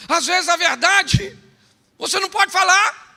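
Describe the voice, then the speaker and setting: A man's voice: very high voice, measured pace, gravelly, sharp tone. A man with a Brazilian Portuguese accent preaching a sermon in a large church hall, teasing and joking directly with his congregation. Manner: humorous, teasing, talks straight to the congregation. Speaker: pastor.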